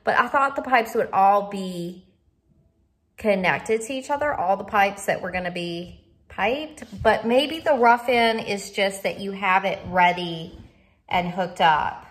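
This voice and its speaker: In a casual vlog about her house renovation, a woman with a mid-range voice talks unhurriedly through her doubts. She sounds uncertain and worried, as if thinking aloud.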